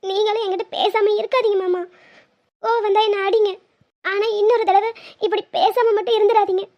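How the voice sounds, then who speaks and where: A piping, very high young wife from a cartoon, sulky and clingy. She pleads and teases by turns. The recording is muffled and lo-fi. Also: expressive, fairly quick. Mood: tearful pleading. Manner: pleading, teasing banter. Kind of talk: cartoon dubbing. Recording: dull lo-fi sound.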